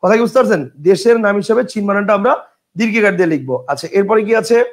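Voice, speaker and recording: A man's voice: sits high, expressive, fast talker. A man with a colloquial Bangladeshi Bengali accent teaching a grammar class online, repeating rules and checking that students understand. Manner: chatty, repetitive drilling, checks if students understand; reads out student questions from chat. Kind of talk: online exam-prep class.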